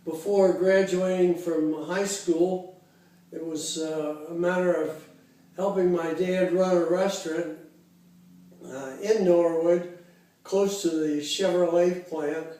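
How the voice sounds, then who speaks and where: Slow, mellow-voiced man in his eighties. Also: high-pitched, fairly even intonation. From Cincinnati, Ohio, USA. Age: 80s. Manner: unhurried, halting, reminiscing with many fillers. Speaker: interviewee. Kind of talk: casual oral history interview. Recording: very echoey room, voice far from the mic.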